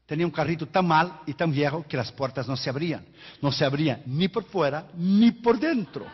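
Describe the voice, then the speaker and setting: A man's voice: on the high side, expressive, moderate pace, slight background noise. A man preaching a sermon as an evangelist, emphatic and repeating phrases for stress. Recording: reverberant hall, dull lo-fi sound.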